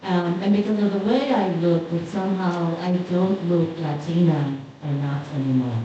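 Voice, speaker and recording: A Cuban woman on a panel, an artist, tells relaxed stories in Spanish-accented speech, laughing lightly between points. Her voice is lowish and her pace moderate. The large hall echoes, she sits far from the mic, and the sound is dull with faint noise.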